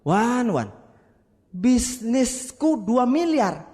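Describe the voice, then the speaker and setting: A man's voice: very high voice, very animated, very slow, a little mellow, husky, in a large hall, voice pushed up, full character voice. A man voicing a blunt, impatient male property businessman who speaks curtly and dismissively while retelling a story.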